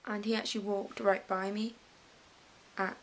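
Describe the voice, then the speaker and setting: A woman's voice: mid-range voice, little pitch movement, moderate pace, slight background noise, poor audio. A teenage girl with an English accent, rambling about politics in a casual vlog and often restarting her sentences. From England. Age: late teens. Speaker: vlogger.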